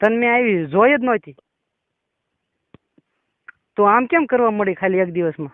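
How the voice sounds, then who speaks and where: A man's voice: high voice, lively intonation, normal speed, dry recording. A man presses his point on a phone call, pushy and insistent. The sound is tinny and narrow like a phone line, and completely dry. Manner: pushy, insistent, repeats "બરોબર?". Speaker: caller.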